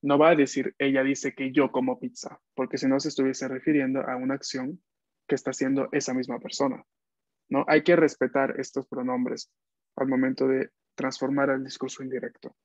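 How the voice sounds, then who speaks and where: A man's voice: mid-range voice, flat delivery, fairly quick, dry recording. A man teaching a language class online, explaining patiently and often checking that students follow. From Peru. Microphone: computer mic on a video call. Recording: dull video-call audio.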